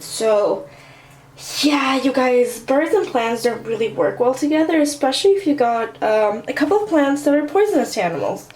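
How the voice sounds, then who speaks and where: A teenage vlogger from southern California, speaking with a slight Armenian Russian accent, gives a casual plant tour of her apartment room and bathroom indoors. Her fairly high, slightly mellow voice is packed with fillers as she chats and shows viewers around her home.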